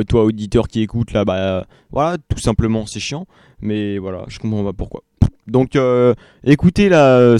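A man's voice: fairly low pitch, dark tone, clear, resonant tone, no room sound, clean studio sound. A man hosting a radio show, chatting casually with listeners and hesitating often. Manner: hesitant, full of fillers and restarts. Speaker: radio host. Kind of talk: casual on-air chat with listeners.

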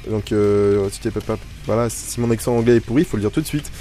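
A man hosts a live web radio show into a studio microphone, his voice mellow and dark. He rambles and pokes fun at himself, full of hesitations. A faint music bed plays under his talk. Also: on the low side, fast. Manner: rambling, self-mocking, lots of hesitations. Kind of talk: casual live radio chat.

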